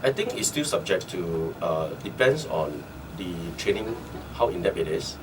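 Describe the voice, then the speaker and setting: Deep-voiced Singaporean-raised businessman guest. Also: normal speed. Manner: animated, acts out dialogue in quotes. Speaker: training centre founder, guest. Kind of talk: radio interview. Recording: distant mic with faint background noise.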